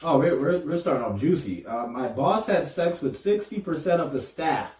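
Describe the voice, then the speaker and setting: Lively joking man on a distant mic. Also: on the high side, moderate pace. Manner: animated, joking, incredulous. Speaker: podcast co-host. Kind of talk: casual chat, trivia game. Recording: roomy echo, distant from the mic.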